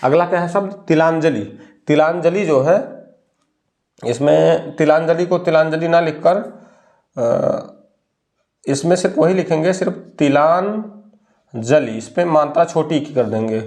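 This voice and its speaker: High-voiced male teacher drilling spelling. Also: darkish tone. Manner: asks a question, then answers it himself; drags out words slowly when stressing them. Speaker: Hindi teacher. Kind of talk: classroom spelling lesson.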